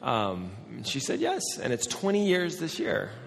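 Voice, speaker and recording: A man in his forties, a pastor, preaching a sermon and telling personal stories in an animated, self-deprecating way. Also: on the high side, unhurried, gravelly, heavy background noise. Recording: hall with long reverb.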